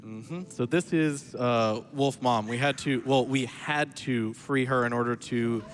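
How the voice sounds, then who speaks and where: A man's voice: mid-range voice, a little slow. A man commentates live on his own video game speedrun. He is chatty and casual, explaining things as he plays and slipping in playful asides. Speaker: speedrunner narrating own run.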